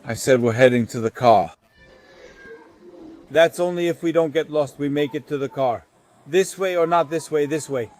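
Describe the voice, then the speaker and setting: A man's voice: fairly high pitch, moderate pace, long pauses, a little mellow, slight background noise. A man chatting casually through a travel vlog, walking city streets and later driving, filmed on a handheld phone. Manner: chatty, narrating while walking and eating. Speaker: travel vlogger.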